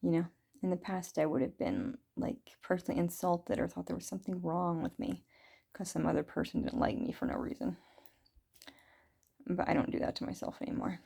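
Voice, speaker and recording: Husky-low, rambling woman in her thirties. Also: fairly quick. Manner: rambling, frequent fillers, soft laughs. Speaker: vlogger. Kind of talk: reflective personal diary talk.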